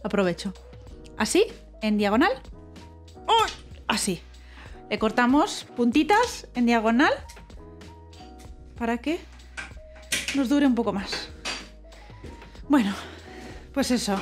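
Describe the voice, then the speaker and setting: A woman's voice: on the high side, expressive, takes it slowly, long pauses, soft background music. A young woman with a Spain Spanish accent, vlogging casually to her viewers, chatty and exclamatory as she thinks aloud during chores. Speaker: home decor vlogger. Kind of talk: casual vlog chat to viewers.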